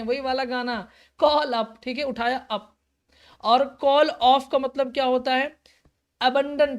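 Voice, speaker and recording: A woman teaching a live online exam-prep class, encouraging and patient, who repeats answers and spells words out slowly. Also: fairly high pitch.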